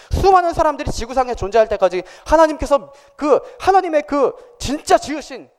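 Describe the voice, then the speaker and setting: A man's voice: very high voice, a little mellow, long reverb tail. A male pastor preaching a sermon in a church, talking conversationally and asking the congregation questions.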